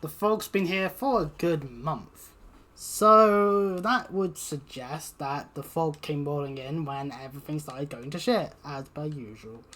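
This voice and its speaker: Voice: mid-range voice, measured pace, a bit bright. A British let's player giving casual, rambling gameplay commentary with plenty of swearing and sarcasm. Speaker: video game let's player. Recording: game music behind the voice. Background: video game music.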